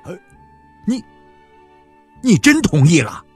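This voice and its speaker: A man's voice: high-pitched, wildly swooping pitch, takes it slowly, breathy edge, faint music behind, pitched above the performer's own voice, exaggerated voice. A man voicing Lao Yang, a blunt torn farmer. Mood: pleading. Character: middle-aged farmer man, blunt, torn over divorce.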